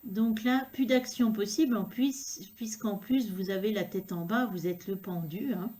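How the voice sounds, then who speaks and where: A woman reading tarot cards to the viewer, talking unhurriedly and filling pauses with hein and euh. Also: medium pitch, dark tone. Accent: regional accent, unnamed. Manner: unhurried, filler-heavy talk with frequent "hein" and "euh". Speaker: tarot card reader.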